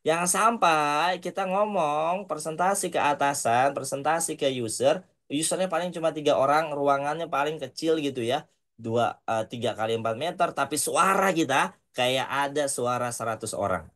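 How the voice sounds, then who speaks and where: Lively man coaching public speaking. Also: fairly high pitch. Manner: lively, varied tempo with dramatic pauses; casual, mixes in English words. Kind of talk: online lecture to university students.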